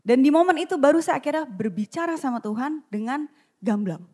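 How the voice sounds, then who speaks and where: A woman stands at the front of a church and shares her personal story with the congregation. Her voice sits high, and her telling is candid, animated and self-deprecating. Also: fairly quick. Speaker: church member giving testimony. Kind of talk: personal testimony at church, casual.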